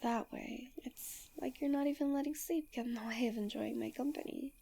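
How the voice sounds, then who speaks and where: A woman voicing a doting, possessive fox-spirit wife in a soft, breathy ASMR role-play, speaking gently, intimately and soothingly. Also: high voice, moderate pace, heavily acted. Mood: soothing, affectionate.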